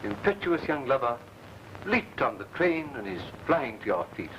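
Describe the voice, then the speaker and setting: Selfish modern lover, mid voice, early talkie, hissy. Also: male voice, mid-range voice, big pitch swings, normal speed. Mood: pleading. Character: worldly male lover, wry and selfish. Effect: early talkie film recording. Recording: hissy early sound-film soundtrack.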